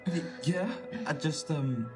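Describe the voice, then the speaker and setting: A man's voice: on the high side, takes it slowly, music in the background. A young British man acting an awkward, earnest date in a video game, hesitant and full of ums. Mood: nervous.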